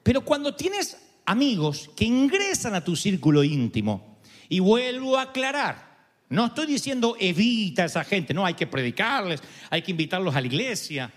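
A male pastor, preaching a sermon in an animated way and acting out quoted voices. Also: sits high, moderate pace. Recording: long hall reverb.

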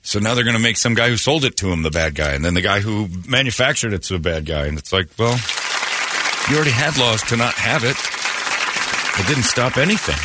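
A man's voice: fairly low pitch, heavy background noise. A man hosting a radio talk show, giving blunt, opinionated rants in casual studio chat.

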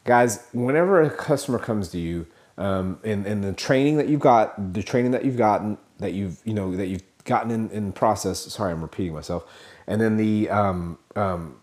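A man with a somewhat low voice talks alone into a podcast mic, coaching car salespeople. He rambles and restarts often, packing in fillers and self-corrections. He keeps a motivational tone and calls his listeners guys. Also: moderate pace, a little mellow. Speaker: podcast host. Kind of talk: casual podcast monologue.

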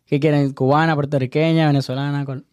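A man giving dating advice in a casual podcast chat, animated and lecturing, often laughing as he talks. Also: a little high, quick pace, no echo, studio quality.

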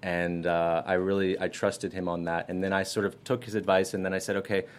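Low-voiced male guest, easygoing and chatty. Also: a little fast, clear, resonant tone. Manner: relaxed, rambling, chatty with fillers. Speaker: guest actor. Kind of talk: casual interview.

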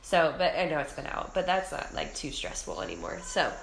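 A woman with a fairly low voice and a Midwestern American accent talks informally as a podcast host. She is chatty and casual, as if catching up with a friend. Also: big pitch swings, a little fast, vocal fry, a little hiss or hum. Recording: echoey room sound, music behind intro.

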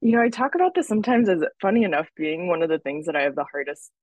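A woman's voice: on the low side, expressive, very fast, darkish tone, no echo. A woman from Russia, a therapist guest, chatting casually and laughing often. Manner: chatty, laughs often, lots of fillers and restarts. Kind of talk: casual interview.

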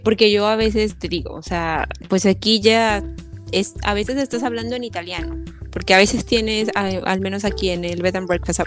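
A young woman chatting as a podcast guest, telling anecdotes in a lively way and acting out her own reactions. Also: medium pitch. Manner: animated storyteller who acts out her own reactions. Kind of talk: casual conversational chat.

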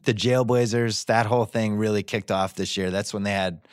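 A man hosting a podcast, telling sports stories in a casual, animated way with wry asides. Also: fairly low pitch, moderate pace, clear, resonant tone, no echo, studio quality. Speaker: podcast host.

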